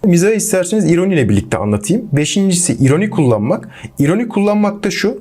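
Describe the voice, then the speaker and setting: A young man giving relationship advice in a lively monologue, speaking directly to his viewers as friends. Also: a little high.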